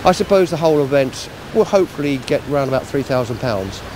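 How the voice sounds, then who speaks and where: A man who organises a charity event, explaining it informally and in a measured way in an outdoor interview. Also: mid-range voice, lively intonation. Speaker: Lions club event organiser. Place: outdoors at a seafront. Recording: outdoor street and traffic noise.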